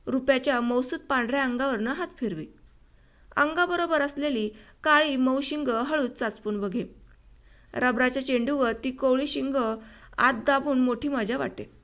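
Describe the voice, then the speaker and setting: A woman narrates a short story for an audiobook. Her voice sits high, and she reads in a measured, unhurried way. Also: a bit bright.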